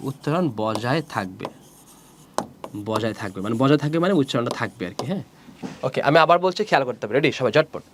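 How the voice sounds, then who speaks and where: A young male teacher gives an online grammar lesson, his pitch rising and falling widely as he talks. He keeps asking the class questions, answers them himself, and goes over each rule again. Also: a little hiss or hum.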